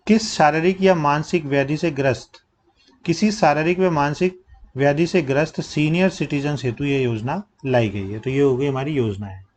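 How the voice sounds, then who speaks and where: A young man teaches current affairs for exam prep at a moderate pace, asking questions and answering them himself. He drops his voice low to stress key facts while writing with a pen.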